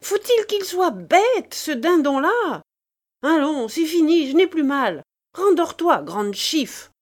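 A woman's voice: sing-song, unhurried. A woman reading a story, putting on the voice of a shrewish, sarcastic bourgeois wife who scolds her husband. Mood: scornful. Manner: scolding, shrill, contemptuous.

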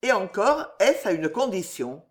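A woman's voice: medium pitch, big pitch swings, measured pace. A woman voicing a hearty, bossy old king who is a proud grandfather, in an audiobook. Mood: bargaining.

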